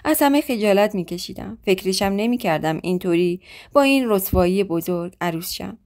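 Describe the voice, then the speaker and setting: A woman's voice: medium pitch, lively intonation, darkish tone. A woman storyteller narrating a true-life tale in the first person, with a dramatic, emotional reading.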